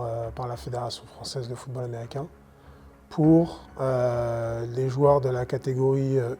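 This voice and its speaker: A man's voice: medium pitch, dark tone. A man explaining carefully in an interview, with many hesitations.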